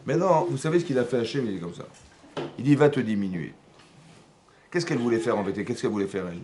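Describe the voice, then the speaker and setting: Un homme qui donne un cours religieux dans une synagogue, avec un accent français. Il pose des questions au public et joue les dialogues avec animation. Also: male voice, mid-range voice, fast talker, crowd noise. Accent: French. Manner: animated, acts out dialogues, asks the audience questions. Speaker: rabbi teaching a class. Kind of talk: lively religious lesson. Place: synagogue class room.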